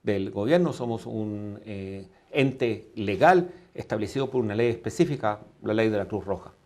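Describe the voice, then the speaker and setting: A man from Chile, an emergency management expert, answering interview questions calmly with fillers. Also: lowish voice, moderate pace. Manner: calm, explanatory with fillers.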